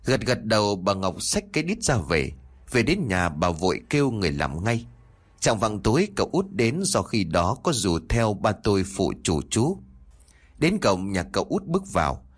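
Husky man narrating a ghost story. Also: lowish voice, very animated, normal speed.

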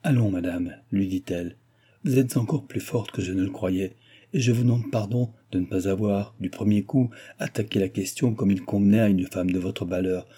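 A man reading the lines of a scheming countess, smooth and insistent in her feigned concern. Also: on the low side, normal speed, warm tone. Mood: conciliating. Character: scheming royal favorite, a countess, woman.

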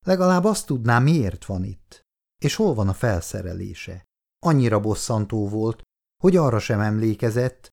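A man reading an audiobook in a measured, even storytelling manner. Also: medium pitch. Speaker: audiobook reader. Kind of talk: audiobook narration.

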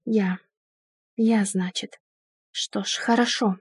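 A woman's voice: medium pitch, steady tone, slow, slightly rough, no room sound, studio quality. A woman reading the lines of an angry, sarcastic wife confronting her cheating husband, in an audiobook. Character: betrayed wife, adult woman, furious and sharp-tongued.

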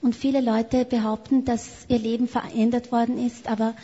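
Woman interpreter, higher voice, mellow and husky, long hall echo. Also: little pitch movement, moderate pace. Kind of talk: live sermon interpretation. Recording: echoey hall, dull sound.

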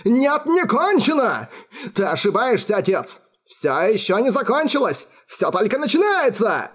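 A man's voice: high voice, big pitch swings, a little slow, a bit bright, breathy edge, voice pushed up, full character voice. A man voicing an unhinged, mocking young man in an audiobook, his lines sneering and maniacal. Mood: furious. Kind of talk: audiobook character voice.

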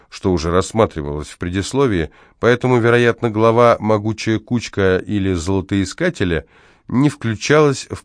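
A man narrating an audiobook in a measured, even reading. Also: lowish voice, dry recording, studio quality. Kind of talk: scripted narration.

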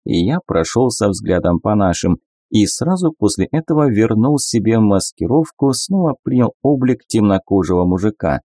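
Man, audiobook narrator, low voice, mellow tone, dry close sound. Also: big pitch swings, moderate pace, no room sound. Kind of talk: audiobook narration of a sci-fi novel.

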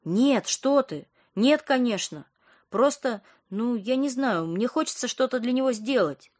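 An earnest young woman lying in a hospital bed, as the reader voices her in an audiobook, her voice a touch higher than the narration. She talks politely and a little anxiously, eager to please. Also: expressive, unhurried, a little mellow. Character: young woman patient after surgery, anxious but polite.

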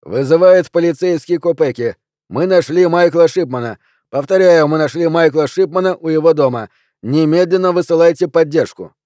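A man's voice: on the high side, moderate pace, dark tone, no room sound, studio quality, pitched above the performer's own voice, natural voice. A man doing a barking, commanding cop. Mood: reporting. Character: stern shouting male police officer making an arrest.

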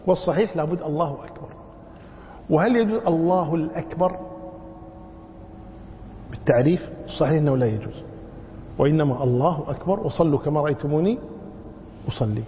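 A man's voice: on the high side, quick pace, pauses often, slight background noise. A man teaching a religious lesson, demonstrating mispronunciations by drawing words out and telling anecdotes. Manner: demonstrates wrong pronunciations by drawing words out, tells anecdotes with a chuckle. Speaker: religious scholar teaching a book. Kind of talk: classroom lesson on prayer. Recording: dull lo-fi recording in a reverberant hall.

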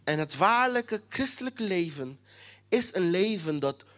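A preacher giving a sermon with emphatic repetition, sometimes dropping to a hushed near-whisper. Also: medium pitch, animated, a little slow.

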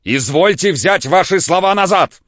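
A man's voice: sits high, lively intonation, normal speed, fairly bright tone, dry recording, voice pushed up. Man playing a quavery old doctor, pompous but kind, swings his voice around. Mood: indignant shouting. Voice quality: trembling voice. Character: older male doctor, pompous, hot-tempered, kindly. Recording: dull, dry lo-fi recording.

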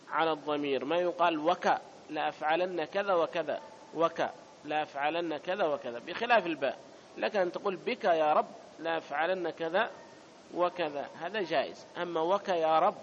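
A man's voice: on the high side, fairly quick, lo-fi sound, slight background noise. A man teaching an Arabic grammar class, who repeats each point and keeps asking whether students follow. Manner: repeats points and checks understanding. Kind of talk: classroom lesson.

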